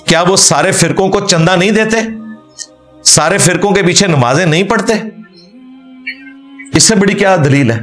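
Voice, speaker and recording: A man delivers sharp religious commentary in a somewhat high voice, firing rhetorical questions and sarcastic replies. Faint music plays underneath his talk. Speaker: religious speaker rebutting a cleric.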